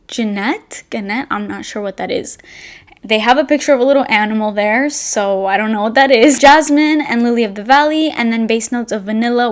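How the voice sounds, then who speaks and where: A young woman with a fairly high voice talks as a review vlogger. Her delivery is casual and chatty, addressed straight to her viewers. She speaks informally and leans often on "like" and "literally". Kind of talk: casual chatty first-impressions review to camera.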